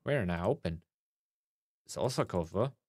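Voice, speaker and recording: A man's voice: low-pitched, expressive, moderate pace, a little mellow, no echo, studio quality. A man giving casual gameplay commentary, grumbling and swearing, with mock-polite greetings to customers. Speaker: gaming let's player.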